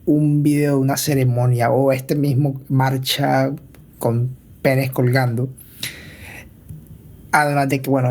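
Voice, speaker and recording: A man's voice: mid-range voice, darkish tone. A man co-hosting a podcast in casual chat, colloquial and teasing. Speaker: podcast co-host.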